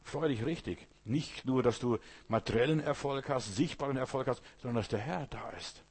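Man, sermon, husky voice, talks straight to the listener, storytelling preacher. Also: medium pitch, moderate pace. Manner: addresses listener directly, storytelling, voices quoted figures.

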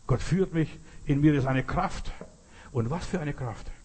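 Man, preacher, husky voice, sermon, earnest direct exhortation. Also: on the high side, measured pace, a little mellow.

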